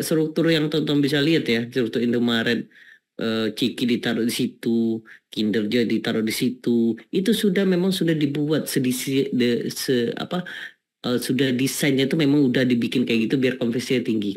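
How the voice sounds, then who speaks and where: A man hosting an online marketing webinar, talking casually and asking the audience whether they follow him, with many fillers. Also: medium pitch. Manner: chatty, repeats rhetorical questions to the audience, many fillers. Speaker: webinar host teaching landing pages.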